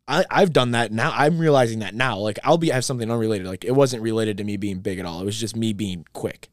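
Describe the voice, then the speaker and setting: A man's voice: fairly low pitch, fast talker, no room sound, clean studio sound. Laughing young man on a podcast. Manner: animated, laughing storyteller. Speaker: podcast co-host. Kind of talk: casual chat.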